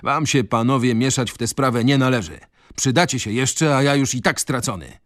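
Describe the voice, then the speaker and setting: A man reading aloud and voicing a desperate, reckless young drunkard, with loud, urgent outbursts in a raised voice. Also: medium pitch, moderate pace, dry recording, clean studio sound, natural voice. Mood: defiant.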